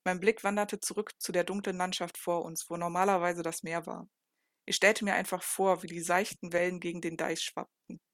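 A woman narrating a first-person novel in a calm, even reading voice. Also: fairly low pitch, normal speed, no room sound, clean studio sound. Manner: calm, even reading with occasional small slips. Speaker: audiobook narrator.

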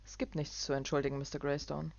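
A woman's voice: deep voice, little pitch movement, quick pace, creaky, a little mellow. A woman reading a book aloud and voicing a young male assistant with tight, clipped politeness. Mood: stiff. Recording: dull lo-fi dry recording.

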